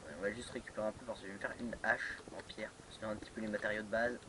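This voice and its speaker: A man's voice: fairly low pitch, flat delivery, very fast, very noisy. A man giving casual let's play commentary on a modded game, hesitant, with many fillers and restarts. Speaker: gamer playing a modded block-building game.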